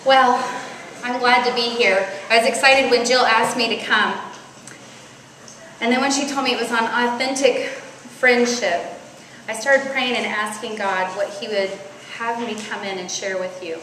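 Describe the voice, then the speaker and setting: A woman in her forties, a loud, animated speaker, telling a personal story at a church women's conference. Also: on the high side, measured pace. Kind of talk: storytelling sermon. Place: large hall at a church retreat. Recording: echoey hall, faint noise.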